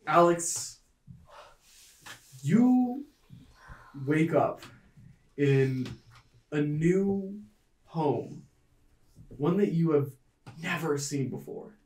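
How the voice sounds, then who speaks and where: A man narrating a tabletop game as game master, in a measured, descriptive storytelling manner. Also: fairly high pitch, a little mellow, recorded from a distance. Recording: roomy, mic set back.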